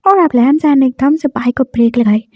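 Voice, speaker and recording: A woman's voice: high-pitched, fairly quick, no echo, dull audio. A woman narrating a fan story in a dramatic, emotive way.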